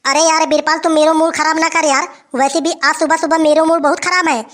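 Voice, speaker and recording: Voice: high voice, steady tone, a little fast, a bit bright. A voice actor doing a dismissive village headman. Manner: dismissive, offhand. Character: lazy, dismissive middle-aged village headman.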